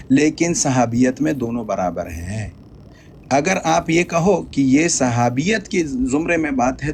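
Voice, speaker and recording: A man's voice: mid-range voice, a little mellow, slight background noise. A man giving emphatic, polemical religious commentary, often stammering and repeating words.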